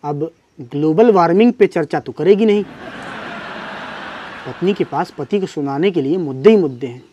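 A man's voice: fairly high pitch, moderate pace, mellow, muffled recording, a little hiss or hum. A man playing a husband in a comedy sketch, trading dry, sarcastic quips with his wife and building into exasperated rants. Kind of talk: scripted comedy sketch acting.

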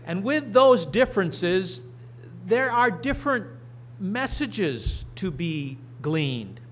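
A middle-aged man preaching and reading scripture from a church lectern, slow and deliberate with emphatic rises. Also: high-pitched, sing-song, a bit bright. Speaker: pastor. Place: church sanctuary. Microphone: lectern microphone.

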